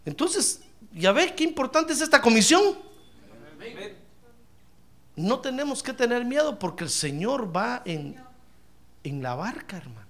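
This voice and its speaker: A man preaching a sermon, animated and humorous, often calling his listeners brother and acting out Bible scenes. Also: extremely high pitch, a little slow, long pauses.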